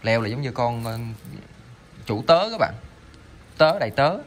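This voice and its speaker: A man's voice: mid-range voice, sing-song, measured pace. Man, medium voice, casual seller, rambling, stammers and restarts often, light noise behind. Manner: rambling, stammering, lots of fillers. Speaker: online seller of salvage electronics. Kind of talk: casual sales talk while demonstrating parts.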